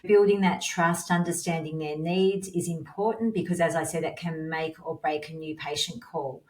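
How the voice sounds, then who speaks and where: A woman with a deep, darkish voice hosts a podcast, chatting casually as she interviews her guest. The recording has an echoey, reverberant room sound.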